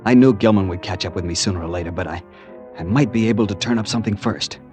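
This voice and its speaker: In a vintage radio drama with music behind him, an actor plays a desperate, earnest young American man searching for his missing fiancée, narrating and pleading in 1940s suspense style. His voice is fairly low and darkish, and he talks fast. The lightly acted delivery is tense, nervy, and dramatic.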